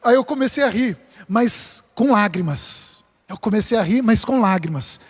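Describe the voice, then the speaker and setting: A man's voice: sits high, lively intonation, normal speed, breathy edge. A man from São Paulo state preaching a sermon as a pastor, earnest and emphatic, mixing scripture with a light-hearted personal story. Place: church sanctuary. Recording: long reverb of a large church hall.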